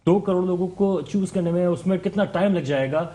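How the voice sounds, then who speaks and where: A man's voice: high voice, mellow. A man hosting a political talk show, pressing his guests with pointed questions.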